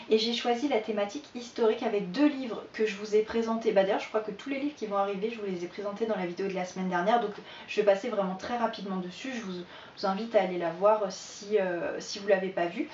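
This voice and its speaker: A woman talks through her reading list in a relaxed, chatty way, pausing often on fillers. Her voice sits in a middle pitch and sounds a little distant from the mic. The room is echoey and the sound a bit muffled, with faint noise underneath. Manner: chatty, hesitant with many fillers. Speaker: book vlogger. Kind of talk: casual book chat to camera.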